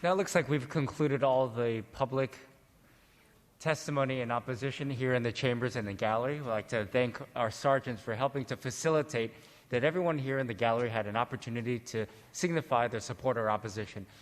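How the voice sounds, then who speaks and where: A man of middle pitch chairing a legislative hearing into a desk microphone. His measured, formal delivery carries the odd filler word. A long reverb from the large chamber trails after his words. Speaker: committee chair. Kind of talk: formal procedural remarks.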